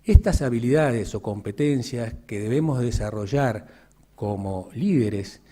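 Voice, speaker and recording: A man with an Argentine accent giving a formal academic lecture as an invited speaker at a symposium, measured and structured, with occasional restarts. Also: mid-range voice, mellow. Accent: Argentine Spanish. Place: lecture hall.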